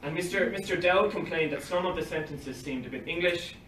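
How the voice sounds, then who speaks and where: A young man on the high side of pitch, fairly quick and fairly bright, gives a conference talk read from notes at a lectern, peppered with dry asides and brief laughter. The recording, made by a phone camera across a library meeting room, is roomy and distant with faint hiss, at livestream quality.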